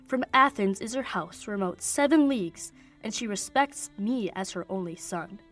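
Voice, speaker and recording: A young woman with a natural, mid-range voice speaks with animation at normal speed over soft background music. In a Shakespeare radio play she plays an ardent young nobleman in love, declaiming poetic verse in an eager, conspiring mood.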